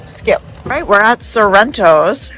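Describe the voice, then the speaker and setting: A woman's voice: mid-range voice, lively intonation, slow, fairly bright tone, a little hiss or hum. A woman vlogging casually aboard a cruise ship, chatting upbeat and directly to her viewers. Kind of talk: casual vlog narration.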